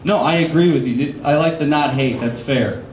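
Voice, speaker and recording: A man's voice: on the high side, moderate pace, a little hiss or hum. A man doing loose, rambling stand-up comedy and crowd work at an open mic, laughing at his own asides. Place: comedy club stage. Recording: roomy club sound.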